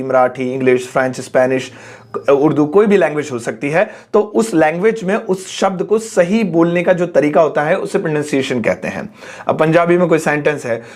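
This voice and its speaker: A male English teacher reading out viewers' questions and explaining the answers patiently with everyday examples. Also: fairly high pitch. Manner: reads each comment aloud, then explains it patiently with everyday examples.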